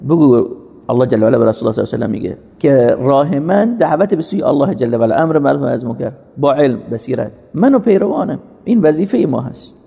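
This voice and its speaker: A man's voice: mid-range voice, expressive, creaky, mellow, breathy edge, dull audio. A man giving a religious lecture, earnest, asking and answering rhetorical questions. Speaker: religious teacher. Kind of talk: sermon-style lecture. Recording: long hall reverb.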